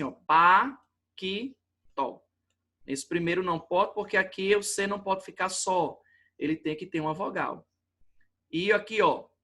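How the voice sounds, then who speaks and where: A man with a Brazilian accent and a fairly high, pushed, bright voice teaches a grammar lesson. He explains patiently at the board and checks often that students are keeping up.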